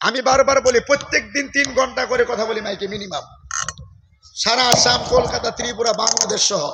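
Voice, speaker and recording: Man, preacher, very high voice, rapid scolding, irritated and lecturing, on a stage microphone. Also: background noise. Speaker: Islamic preacher. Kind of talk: scolding talk from a sermon stage. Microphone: stage microphone on a big sound system.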